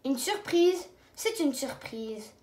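A woman's voice: high-pitched, animated, slow, a little mellow, far from the mic. A woman doing a teasing, smiling aunt. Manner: teasing, secretive. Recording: roomy echo.

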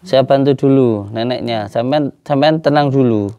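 Man, medium-pitched voice, repetitive soothing pleas, spiritual healer calming someone, quiet murmured prayers. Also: normal speed, dull audio. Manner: repetitive, soothing, pleading for calm. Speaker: spiritual healer and channel host. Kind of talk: calming a distressed person during a cleansing.

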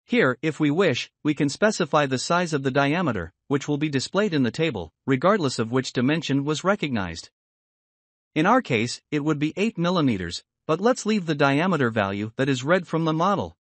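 A man narrates a scripted software tutorial, explaining things in a measured, instructional way. His voice is fairly high and sing-song, and the recording is dry.

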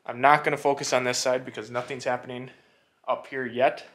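A man's voice: mid-range voice, flat delivery, brisk, fairly bright tone. A man vlogging a do-it-yourself barn renovation, talking to camera in a casual, unsure way and thinking aloud as he goes. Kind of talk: casual walkthrough talk to camera. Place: inside an old barn.

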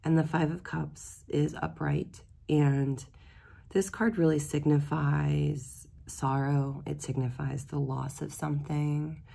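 A woman who is losing her voice, speaking hoarsely and reflectively as she gives a daily tarot reading. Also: low voice, little pitch movement, slow, warm tone. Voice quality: gravelly, husky voice. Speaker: tarot reader.

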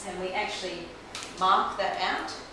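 A trichologist in her forties, with a medium-pitched, steady voice and a moderate pace, demonstrates a technique step by step on a client in a small clinic room. A camera mic across the room picks her up, giving a roomy echo and clear background hiss.

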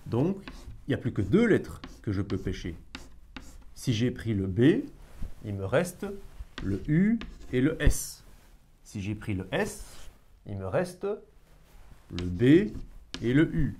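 A man teaches a math lesson in a classroom, his pitch rising and falling in an animated way. He speaks slowly and coaxes his students, talking straight to them as he works through the problem. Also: breathy edge. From Belgium. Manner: lively, coaxing, talks to students directly.

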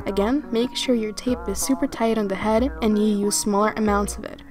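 A woman's voice: mid-range voice, steady tone, fairly quick, over music. A woman giving frank, self-deprecating craft tips while speaking from inside a mask. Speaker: fursuit maker. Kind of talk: casual tutorial voice-over.

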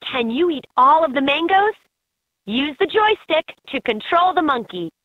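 A lively woman with a high-pitched voice narrates a children's learning game without hurrying, reading a script clearly, expressively and instructively for kids. There's no echo, though the lo-fi game audio sounds slightly dull.

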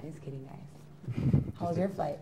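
A woman's voice: low voice, moderate pace, warm tone. A woman interviewing a band, teasing and playful. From Miami. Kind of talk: casual interview.

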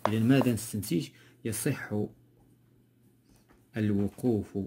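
A man's voice: fairly low pitch, fairly even intonation, moderate pace, warm tone, a little hiss or hum. A man with a Moroccan accent teaching a textbook grammar lesson, going step by step and repeating key words.

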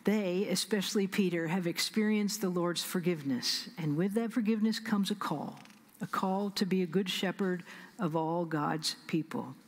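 Husky-voiced woman pastor preaching in a reverberant church. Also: on the low side. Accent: American Midwest. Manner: measured preaching with slow emphatic pauses, soft whispered asides. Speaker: senior pastor. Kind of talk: sermon. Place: large church sanctuary. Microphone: pulpit stand mic.

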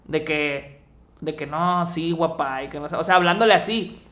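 Man, Mexican Spanish accent, young adult, high and bright voice, casual slangy podcast storytelling. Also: a little fast. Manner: animated, slangy storytelling with acted-out quotes. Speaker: podcast co-host.

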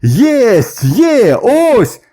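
Man doing a shouting rough bargeman. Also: extremely high pitch, wildly swooping pitch, drawn-out words, pitched above the performer's own voice, heavily acted. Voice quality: shouting, gruff.

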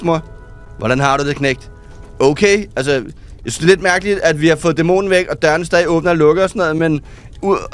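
A high-pitched man talks through a game with quick excitement. He reads the on-screen text aloud and sprinkles in English gaming words. Soft music plays faintly behind his desk-mic voice. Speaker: gaming YouTuber. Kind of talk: excited gameplay commentary.

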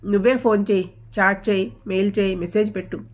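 A woman voicing a gentle, joking middle-aged father who teases his daughters in a storybook reading. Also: mid-range voice, steady tone, quick pace, lightly acted. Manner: teasing, dry humor.

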